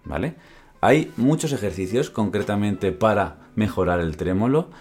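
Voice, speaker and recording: Guy teaching guitar on his podcast, lowish voice, keeps saying vale, guitar plucking faintly in the back. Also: expressive, moderate pace. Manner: explains step by step, often asks "¿vale?". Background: guitar playing between phrases.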